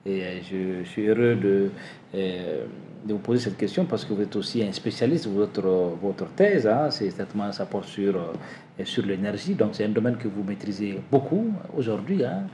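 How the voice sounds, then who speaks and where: A male interviewer asks pointed questions with a lot of pitch movement and emphasis. His voice is mellow and fairly low, and he often drops in small filler words. Faint noise is heard behind him. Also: moderate pace. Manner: lively, emphatic, adds frequent filler "hein".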